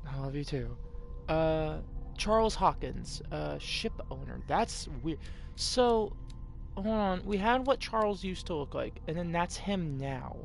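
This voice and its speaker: A game streamer chatting live through a horror game, reacting and talking to viewers. The delivery is casual and loose, with frequent swearing, at an average pitch. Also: animated, unhurried, vocal fry.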